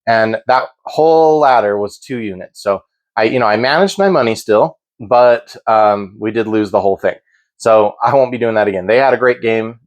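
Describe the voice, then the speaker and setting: A man's voice: fairly low pitch, moderate pace. A man hosting a sports betting show, giving informal, opinionated commentary in a conversational way.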